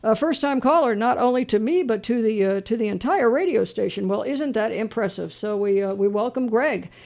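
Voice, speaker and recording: A man's voice: sits high, animated, brisk, gravelly, a little mellow. A man hosting a call-in radio show, chatting casually with a caller about old songs, joking and rambling with dry asides. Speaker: radio host.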